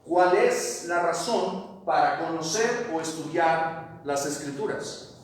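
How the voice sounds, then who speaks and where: A man's voice: a little high, slow. A man teaching a Bible study class, asking questions and reading verses aloud. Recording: echoey room, mic at a distance.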